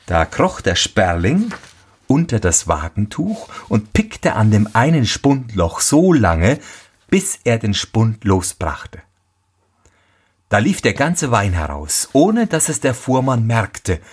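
A man reading a fairy tale aloud as a storyteller, slow and expressive. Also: fairly low pitch, slightly rough.

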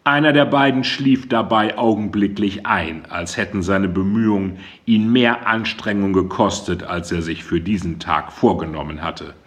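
A man narrating a crime novel in a measured, dramatic way. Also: low-pitched, fairly bright tone. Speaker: audiobook narrator. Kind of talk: scripted narration.

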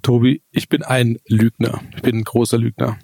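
A man co-hosting a German tech podcast, telling stories in a relaxed way with many fillers. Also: medium pitch, moderate pace, creaky, no room sound. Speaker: podcast co-host. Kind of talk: casual tech chat.

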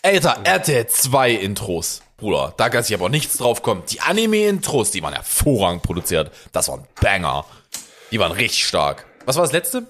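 A young man joking around with a friend on a podcast, loose and slangy. His voice sits fairly low but jumps up and down animatedly. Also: huge pitch swings, brisk, fairly bright tone. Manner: slangy and laid-back, calls his friend "Digga", "Alter" and "Bruder". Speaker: podcast co-host, quiz contestant. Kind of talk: casual chat.

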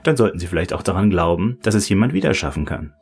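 A man's voice: deep voice, sing-song, fast talker, creaky, darkish tone, heavily acted. Man voicing a dry, sardonic old professor. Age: older. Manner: dry, mocking.

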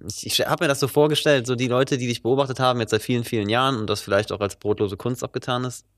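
A man's voice: medium pitch, steady tone, fast, fairly bright tone, no room sound. Curious male interviewer, dry close sound. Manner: curious, conversational questions. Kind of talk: casual interview talk.

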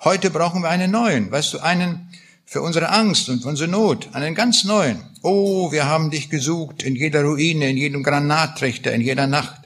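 A man's voice: fairly high pitch, moderate pace, a bit bright. A man reading aloud the part of a bitter, grieving soldier who accuses God with pleading questions. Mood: bitter accusing.

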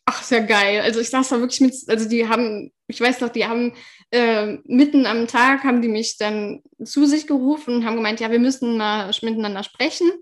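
Chatty young woman, higher voice. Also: fairly even intonation, brisk. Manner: chatty, laughs often, many fillers. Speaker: podcast guest. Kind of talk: casual storytelling chat.

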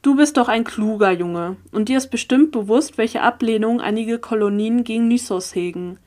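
A woman's voice: on the high side, normal speed, darkish tone, lightly acted. A woman reading aloud, voicing a scheming, persuasive young male sorcerer who talks down insistently. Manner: condescending, insistent, impatient.

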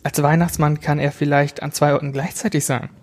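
A man's voice: on the high side, flat delivery, fairly quick, voice pushed up, natural voice. A man voicing a patient mother who reassures her child in a storybook reading. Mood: reassuring. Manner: reassuring, gentle.

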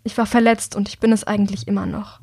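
A woman's voice: mid-range voice, level tone, fast talker, vocal fry, a little mellow, slightly rough, no room sound, studio quality. A woman narrator voicing a hurt, blunt young man who speaks emphatically. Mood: earnest.

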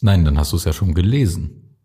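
A man co-hosting a casual pub-style podcast chat, reasoning things through in a relaxed way. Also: low voice, brisk, slightly rough. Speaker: podcast co-host.

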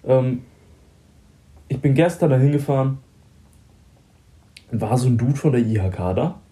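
A young man chats casually and tells a story, slipping into slang and playing out the dialogue himself. His voice is dark and mellow, with no strain. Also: medium pitch, animated, measured pace. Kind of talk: casual chat.

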